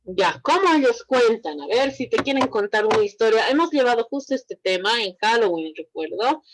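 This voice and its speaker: A woman teaching a language class online, explaining slowly and often checking in with her students. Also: on the high side, animated, background noise. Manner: slow, explanatory, asks students frequent check questions.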